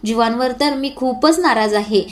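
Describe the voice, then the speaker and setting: A woman voicing a caring elder sister who scolds gently and speaks from the heart. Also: a little high, normal speed, natural voice. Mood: hurt.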